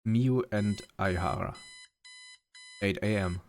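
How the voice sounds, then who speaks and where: A man's voice: fairly low pitch, slow pace, a little mellow. A man playing through a visual novel, reading its lines aloud with feeling and breaking off for his own asides. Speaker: let's play gamer. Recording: music playing clearly behind.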